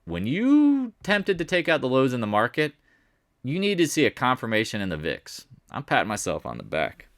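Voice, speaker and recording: A man's voice: mid-range voice, wildly swooping pitch, moderate pace, a bit bright. A man giving a casual, rambling market recap, often restarting and correcting himself and joking along the way. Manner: rambling, self-correcting, jokey. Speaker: market commentator.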